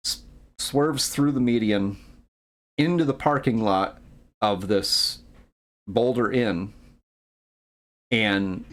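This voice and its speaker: A man narrating a tabletop role-playing game as game master, talking in a halting way with many pauses and restarts. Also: fairly low pitch, a bit bright.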